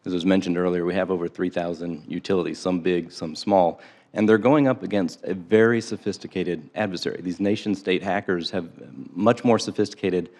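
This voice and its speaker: A man with a very deep, low voice answers questions as an expert witness in a hearing room. He talks in a measured, explanatory way and often doubles his opening words before settling into an answer, close to a desk microphone. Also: fairly even intonation, a little mellow. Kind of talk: formal testimony answering questions.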